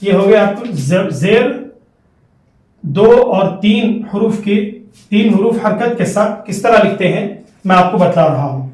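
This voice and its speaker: A man with a Hyderabadi Urdu accent teaching Quranic letters, spelling each letter and syllable out and repeating it in a slow, deliberate classroom manner. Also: high voice, lively intonation, a little mellow. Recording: roomy, distant mic.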